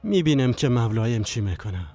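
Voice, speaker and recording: A calm, wise old father. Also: mid-range voice, soft background music. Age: older. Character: calm, devout older father giving counsel. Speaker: dubbing actor. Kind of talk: dubbed TV drama.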